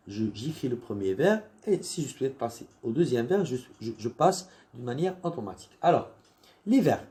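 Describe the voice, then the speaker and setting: A male primary school teacher with a Moroccan French accent, talking slowly and patiently through a lesson. His voice is mellow and a little high for a man. He explains step by step and often repeats words as he goes.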